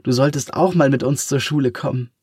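A man voicing a cheerful, warm-hearted little female eraser in a high, bubbly, quick voice. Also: steady tone, husky, no room sound, clean studio sound, close to an everyday voice. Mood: enthusing.

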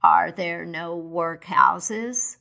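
A woman voicing a sorrowful, stern Christmas spirit, giving slow, solemn warnings in a storybook reading. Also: lowish voice, gravelly, bright, forceful tone, exaggerated voice.

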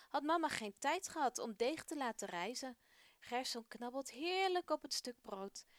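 A woman's voice: a little high, dry recording. Woman reading a children's story. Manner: gentle, expressive read-aloud. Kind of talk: storybook narration.

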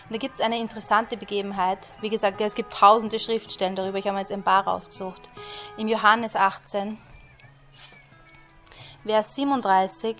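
A woman delivers a chatty, conversational sermon at normal speed, her medium-pitched, slightly bright voice showing little pitch movement over faint background music. She keeps asking rhetorical questions and often says "you know".

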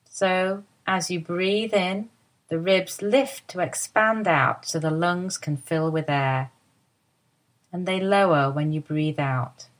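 Slow, low-voiced woman guiding relaxation. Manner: soft, slow, soothing guidance. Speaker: movement teacher guiding a lie-down. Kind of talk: guided body-awareness instruction.

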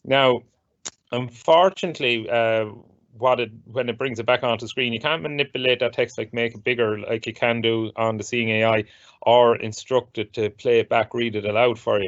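A man presenting and explaining technology in a casual, halting way, often repeating and rephrasing himself. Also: medium pitch, fairly bright tone, dry recording. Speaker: presenter of an assistive technology show. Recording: dull, muffled lo-fi audio.

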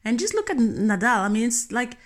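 A woman's voice: a little high, brisk. Earnest woman giving a motivational talk. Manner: earnest, animated, speaks directly to the listener. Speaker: tennis coach.

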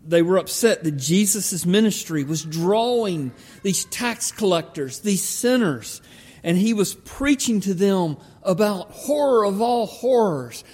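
A man preaches in a Georgia drawl, his voice mellow and slightly high for a man. He delivers his sermon deliberately, with halting pauses. The sound rings with the long reverb of a large hall. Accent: Southern US, Georgia drawl. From Georgia, United States. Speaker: pastor.

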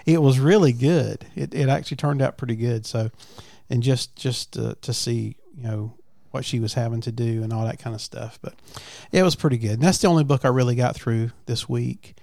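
Casual male host on a farm, creaky low-key talker, dry sound, folksy and halting. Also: warm tone, no echo. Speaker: podcast host. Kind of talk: casual chat. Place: at a family farm.

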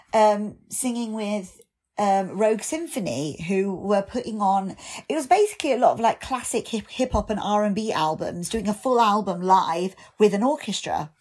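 In a podcast interview, this woman in her thirties, who sings and acts, reflects openly on things. Her voice sits mid-range with a darkish, slightly raspy tone, and she often pauses with ums or starts sentences over.

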